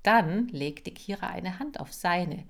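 A woman narrating a children's audiobook. Her voice sits a little low, and she reads slowly with lively, expressive melody. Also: gravelly. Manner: expressive storytelling. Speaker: audiobook reader.

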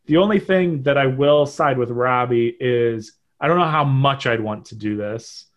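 A man's voice: mid-range voice, moderate pace. A man speaking as a panelist in a casual discussion, rambling and hedging as he restarts his sentences.

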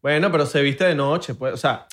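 A young Venezuelan man co-hosting a podcast, teasing and joking loudly with friends. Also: on the high side, moderate pace. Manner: playful, loud teasing. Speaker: podcast co-host. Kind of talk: casual banter.

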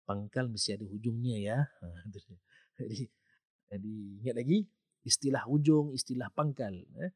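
A man's voice: mid-range voice, normal speed, darkish tone, no echo, clean studio sound. A man with a Malaysian accent hosting a podcast lesson on tajwid, patiently repeating himself and sounding out Arabic letters. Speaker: tajwid teacher, podcast host.

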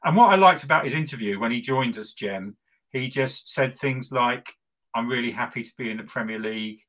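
This middle-aged West Ham fan and football podcast co-host talks fairly quickly in a medium-pitched, slightly bright voice. His casual chat is gleeful and tongue-in-cheek, with repetition used for emphasis.

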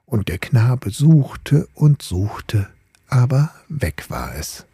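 A man narrating a fairy tale in an unhurried, storytelling way. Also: medium pitch, sing-song, warm tone, husky, no room sound, clean studio sound. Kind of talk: slow fairy-tale reading.

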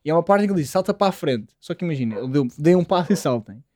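A man's voice: fairly high pitch, lively intonation, racing, dark tone. A young man telling rambling, slangy, self-deprecating stories casually among friends. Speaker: podcast co-host.

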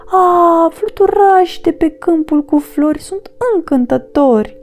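A woman's voice: creaky, warm tone, faint music behind. A woman voicing a small, curious boar piglet who whines and cries like a young child. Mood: whiny. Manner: high, pleading, childlike.

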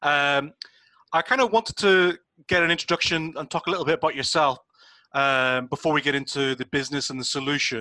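A man's voice: on the high side, bright, forceful tone, no echo. A man hosting a casual interview, asking rambling questions with many restarts. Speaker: interviewer, host.

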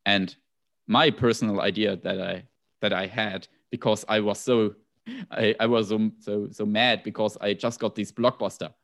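A man with a German accent talks casually on a podcast, his voice sitting a little on the low side. He thinks out loud, restarting phrases and adding asides as he goes. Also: fairly even intonation, moderate pace, creaky. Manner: thoughtful, frequent restarts and asides.

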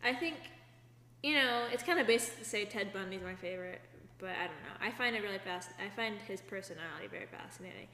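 A woman's voice: medium pitch, quick pace, bright, forceful tone. A young woman co-hosting a casual podcast, rambling through stories with lots of "like" fillers. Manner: chatty, many fillers, rambling retellings. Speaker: podcast co-host. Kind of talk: casual chat. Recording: echoey room with long reverb, faint hum.

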